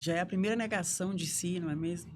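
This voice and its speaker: A woman's voice: on the low side, very fast, darkish tone. A woman, a guest on a podcast, speaking reflectively and affirming in casual conversation.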